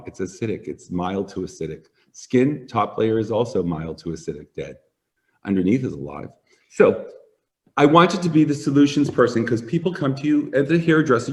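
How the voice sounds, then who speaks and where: Low-voiced man telling lively stories. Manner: animated storyteller, acts out quoted voices. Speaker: hair stylist and product formulator. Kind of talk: sit-down interview, storytelling.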